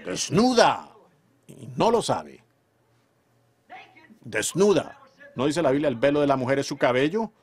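A man preaches with fervor in a voice that sits a little high for a man. He draws out his emphatic phrases in a sermon delivered as a voice-over. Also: husky.

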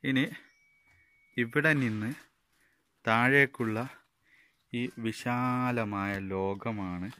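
A man talks on location as he walks among forest caves. His voice is bright and forward. He guides viewers along the path and repeatedly tells them to take care. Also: medium pitch, fairly even intonation, extremely slow, pauses often. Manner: cautioning, guiding while walking. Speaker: travel vlogger. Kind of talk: on-location vlog commentary. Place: outdoors in rocky forest caves.

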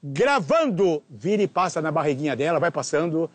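A man with a Brazilian accent posing as a commercial director in a hidden-camera prank, shouting cues and urging people on. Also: on the high side, very animated, moderate pace, breathy edge, dry recording. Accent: Brazilian Portuguese. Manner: pushy, urgent, shouts cues, repeats himself.

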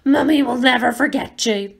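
A woman reading aloud and voicing a big, soft-hearted gamekeeper who talks gruffly but tenderly about his pet. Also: mid-range voice, lively intonation, unhurried, heavily acted. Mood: tearful.

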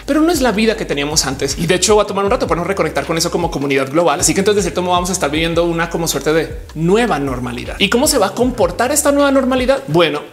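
A woman in her thirties talking to camera in an informal explainer vlog, chatty and animated, with slang fillers, recorded in a small home studio. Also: lowish voice. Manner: fast, animated, with lots of hand gestures. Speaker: vlogger. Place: indoor home studio with bookshelves.

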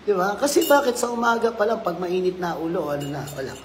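High-voiced Filipino safety officer lecturing. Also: male voice, quick pace, slight background noise, rough recording. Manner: lively, swings between loud emphasis and low asides, mixes Filipino and English. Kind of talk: safety training talk.

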